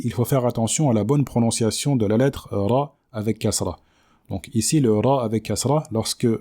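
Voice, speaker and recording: A man teaching Quran recitation rules, patiently repeating words slowly to show the right pronunciation. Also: medium pitch, warm tone. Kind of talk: tajwid lesson.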